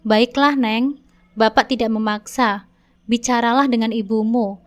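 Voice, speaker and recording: Woman reading as wealthy old landlord, sixty, proud, soft-spoken, clear, storybook. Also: on the high side, steady tone, measured pace, natural voice. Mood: coaxing.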